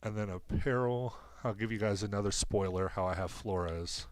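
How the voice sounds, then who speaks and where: A man's voice: fairly low pitch, normal speed, no room sound. A man with a cold streaming a video game, rambling and thinking aloud as he sets things up. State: sick with a cold, coughing. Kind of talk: casual commentary while setting up a video game.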